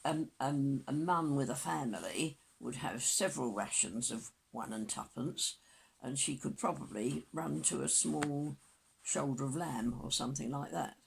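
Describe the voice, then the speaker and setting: A woman in her nineties reminiscing in a casual interview, with an aged, husky voice and a halting, self-correcting way of talking. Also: very deep voice, a little hiss or hum, low-quality recording. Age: 90s. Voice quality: husky, creaky elderly voice.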